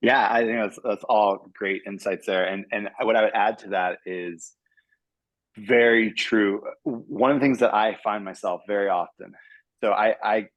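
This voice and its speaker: A man, a software engineer, giving earnest advice to students on a panel and acting out his own thoughts as he goes. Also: fairly low pitch, unhurried, no room sound. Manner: earnest, animated, acts out his own inner voice.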